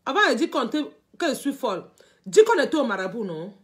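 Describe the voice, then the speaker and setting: A woman's voice: fairly high pitch, fast talker. A woman, hosting an unscripted live stream and ranting animatedly, repeating herself and often laughing through her words. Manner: animated, repetitive, often laughing while talking.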